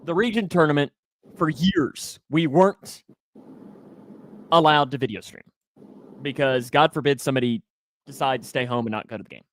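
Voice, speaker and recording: A man in his twenties hosts a laid-back sports talk show, his voice medium in pitch and his pace moderate with frequent pauses. He broadcasts with emphasis, repeating phrases to hammer his points home.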